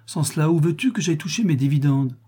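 A man's voice: on the high side, expressive, fast, mellow, slightly rough, voice pushed up. A man doing an impulsive lovesick husband. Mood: forced cheer. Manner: urgent, passionate. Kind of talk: audiobook character reading.

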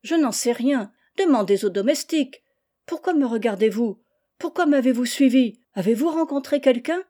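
A woman voicing a proud, disdainful young noble girl in a storybook reading, speaking in a sharp, petulant manner. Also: sits high, animated, normal speed, pitched above the performer's own voice. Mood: haughty.

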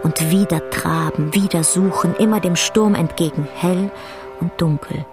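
A woman narrating a radio drama in a measured, dramatic storytelling manner. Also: fairly low pitch, music in the background. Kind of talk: scripted literary narration.

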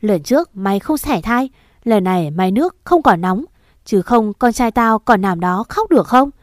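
Woman reading as angry father, cold loud scolding, storybook audio, mid pitch, dry sound. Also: sing-song, normal speed, no room sound, lightly acted. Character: harsh angry father, middle-aged man.

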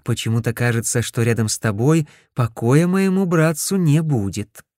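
A man's voice: mid-range voice, normal speed, darkish tone, no room sound, studio quality, lightly acted. A man voicing a brash, teasing older sister.

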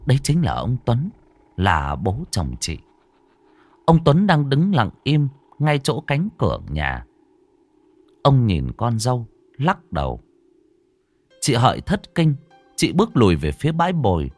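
A man narrating a ghost story in a dramatic style, dropping to a hush and then surging. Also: fairly low pitch, no echo. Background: faint music.

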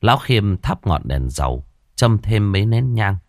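A man with a deep, low, gravelly voice tells a story at normal speed, his delivery lively and rising and falling. He narrates expressively, leaning into each turn of the tale. The sound is dry and close, with no room echo.

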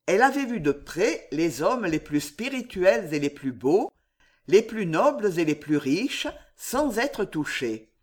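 A narrator reading a historical novel aloud in measured, expressive phrasing. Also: medium pitch. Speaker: audiobook narrator. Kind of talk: literary audiobook narration.

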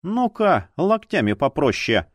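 A sharp-tongued older policewoman, put on by a male narrator, scolding and grumbling with dry sarcasm. She nags in a lowered, drawn-out voice, and the audiobook recording is close and dry. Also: big pitch swings, no room sound, close to an everyday voice. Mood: snapping. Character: grumpy older policewoman, former chief.

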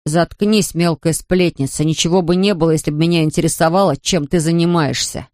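A woman's voice: low-pitched, fairly even intonation, brisk, darkish tone, no room sound, clean studio sound, lightly acted. A woman reader voicing a sullen, mocking boy in an audiobook. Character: sulky sarcastic boy.

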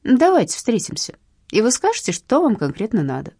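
A prickly, defiant young woman snapping back on the phone in an audiobook, voiced by the woman reading. Her voice is dark and husky, and it leaps around lively. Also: a little high, fairly quick, no echo, studio quality, voice pushed up, heavily acted. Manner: blunt, rude, irritable. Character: young red-haired heroine, sharp-tongued and defiant. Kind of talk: audiobook narration.

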